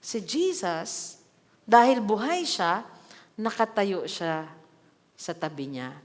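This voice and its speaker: A woman pastor preaching a sermon in a church hall, reading scripture and adding lively asides with acted quotes. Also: mid-range voice, takes it slowly. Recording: long hall reverb.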